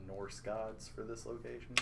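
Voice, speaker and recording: A man narrating as game master of a tabletop role-playing game, describing scenes in a measured, drawn-out way. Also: on the low side, flat delivery, creaky, background noise.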